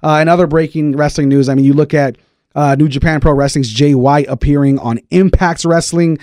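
A man co-hosts a casual sports talk podcast. His voice sits a little high, and the sound is dry, with hardly any room in it. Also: steady tone, fairly quick, a little mellow, no room sound. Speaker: podcast co-host.

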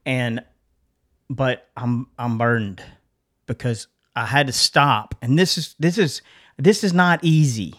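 A middle-aged man at an ordinary pitch talks through a personal story on a podcast. He is earnest and informal, often stopping and restarting his sentences as he thinks aloud. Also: takes it slowly, fairly bright tone. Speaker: podcast co-host. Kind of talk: casual chat, personal story.

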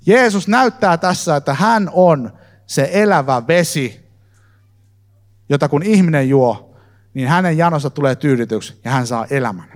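A man giving a lively sermon to a congregation in a church hall, talking to them directly. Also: a little high. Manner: lively, fillers and restarts, addresses congregation directly. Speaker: preacher. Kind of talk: live sermon teaching.

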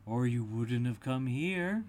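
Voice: mid-range voice, animated, slow, a little mellow, pitched above the performer's own voice. A narrator voicing a good-natured mad talking cat in a storybook, teasing and matter-of-fact. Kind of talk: storybook character reading.

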